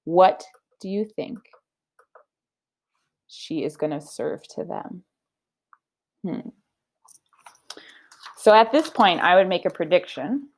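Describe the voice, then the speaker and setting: A woman in her thirties who works as a teacher reads a storybook aloud to children in a room at home, stopping to explain reading skills and ask questions in a warm, teacherly way. Her voice is fairly low and expressive, and she speaks slowly with frequent pauses.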